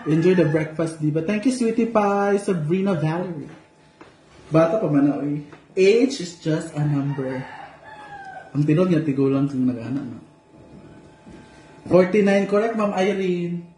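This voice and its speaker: Playful high-voiced man vlogging. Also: measured pace, long pauses, warm tone. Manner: playful and teasing, joking asides. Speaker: vlogger reading live comments. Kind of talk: casual livestream chat. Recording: echoey room with faint noise.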